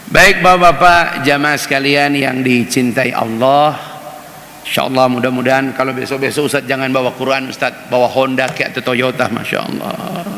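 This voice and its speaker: A man's voice: medium pitch, steady tone, moderate pace, sharp tone. A man preaching a sermon in a mosque, chatty and direct, often turning to speak to the men listening. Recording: reverberant mosque hall, faint hiss.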